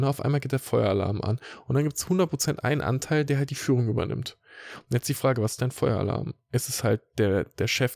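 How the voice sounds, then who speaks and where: A man's voice: mid-range voice, gravelly, darkish tone, no echo. A man who works as an emotion coach, talking casually and explaining ideas in a long monologue. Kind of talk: casual podcast talk.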